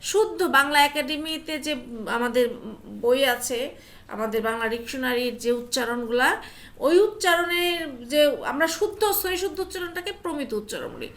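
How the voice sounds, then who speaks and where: Bright high-voiced woman teaching online. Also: sing-song, moderate pace. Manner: coaxing, asks students questions, mixes English phrases. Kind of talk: online class lecture.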